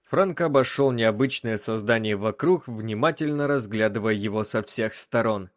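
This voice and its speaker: A man narrating a story in an even audiobook reading voice. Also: on the low side, moderate pace, no room sound, clean studio sound. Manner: even storytelling delivery, voicing characters.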